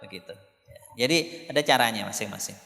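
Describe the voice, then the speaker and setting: A man teaches a mosque study session in a relaxed, conversational way, and every so often he breaks into chanted Quranic lines to show the correct recitation. His voice sits high for a man, and it carries a long reverb from the mosque hall around him. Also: moderate pace. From Indonesia. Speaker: Islamic preacher.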